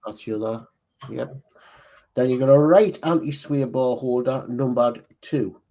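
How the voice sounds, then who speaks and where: Dark-voiced Northern English man reading steps. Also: mid-range voice. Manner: reads instructions slowly, pausing to check parts. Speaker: co-host reading build steps. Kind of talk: casual livestream build chat.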